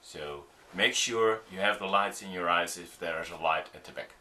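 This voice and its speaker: A middle-aged Dutch-speaking man, an audiovisual producer, gives an informal video tutorial on performing for the camera. His low-pitched voice sounds pushed and bright, and his delivery is halting and demonstrative, with frequent ums and restarts.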